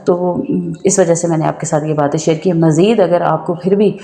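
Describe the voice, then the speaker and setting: A woman's voice: lowish voice, steady tone, vocal fry, dark tone. Chatty woman vlogger in an echoey room. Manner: chatty, often checks in with the listener. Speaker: advice vlogger. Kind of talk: casual storytelling and advice talk. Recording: echoey room with long reverb.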